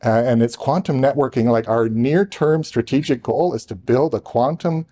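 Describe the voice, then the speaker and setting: Male presenter, mid-pitched and mellow, live tech talk in a conference room, hurried with repeated restarts, jokes with the room. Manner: rushed, talking fast with restarts; jokey asides to the room. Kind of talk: technical presentation to a live audience.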